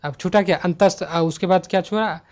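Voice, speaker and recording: A male grammar tutor with a high voice explains exam questions option by option. He slows down to list letters one at a time. The recording is muffled and lo-fi, made at a home computer mic. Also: steady tone, darkish tone. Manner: talks students through multiple-choice answers. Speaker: Hindi grammar teacher. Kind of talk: online exam-prep lesson.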